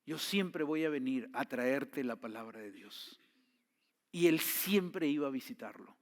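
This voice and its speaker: A man preaching a sermon, telling a story with swings from hushed tones to loud pleading. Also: medium pitch, animated, a little slow. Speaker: pastor.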